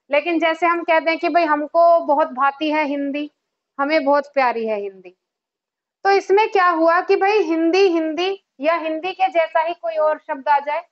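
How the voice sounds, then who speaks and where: A woman's voice: very high voice, dull audio. A woman Hindi teacher giving an online exam-prep lecture, explaining with rhetorical questions and repeated check-ins to her students. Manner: chants verse examples in a sing-song rhythm.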